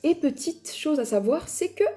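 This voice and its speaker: A woman's voice: high voice, lively intonation, normal speed, dark tone, faint music behind. A woman casually telling paranormal stories, chatty and laughing at herself, with dramatic emphasis. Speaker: paranormal storyteller. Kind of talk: casual storytelling.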